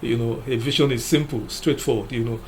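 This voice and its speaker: Male commentator, mid-pitched, forceful and methodical, faint noise behind. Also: steady tone, brisk. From Nigeria. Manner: emphatic, lists numbered points, frequent "you know". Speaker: political commentator. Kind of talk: opinion commentary.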